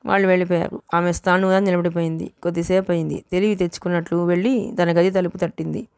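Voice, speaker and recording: Woman audiobook narrator, steady and low, dry close recording. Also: quick pace, clear, resonant tone, no echo. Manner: steady storytelling. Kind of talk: novel reading.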